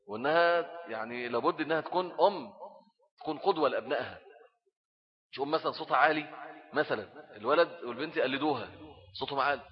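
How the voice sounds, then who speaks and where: Brisk Egyptian preacher, lo-fi recording. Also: male voice, a little high. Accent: Egyptian Arabic. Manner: animated, acts out little scenes and laughs. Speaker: Islamic preacher. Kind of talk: religious talk on parenting. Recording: dull lo-fi recording.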